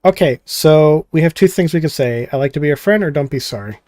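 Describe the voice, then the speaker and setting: An expressive man with a higher-pitched, darkish voice speaks a little fast in a dry recording with soft background music. Hosting a visual novel, he offers casual, jokey, rambling commentary and reads the game text aloud, skimming with filler words.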